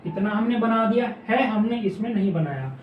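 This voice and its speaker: A man teaching a shorthand class, explaining step by step and slowly repeating each word, asking questions back to his students. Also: sits high, lively intonation, recorded from a distance, highs cut off, slight background noise. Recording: echoey room, mic some way off.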